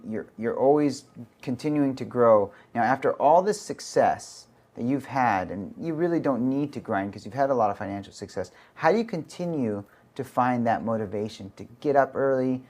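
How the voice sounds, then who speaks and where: A man's voice: mid-range voice, normal speed, a little mellow. A man hosting a podcast, chatting casually and asking long, rambling questions full of "like". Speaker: podcast host.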